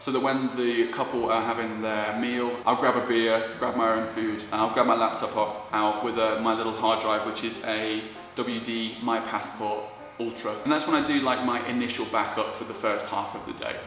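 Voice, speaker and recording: A man's voice: medium pitch, a bit bright. A man talking casually and informally about his gear in a vlog, self-deprecating, recorded in a very echoey indoor space. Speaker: wedding photographer presenting his gear. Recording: very echoey, reverberant room, faint music.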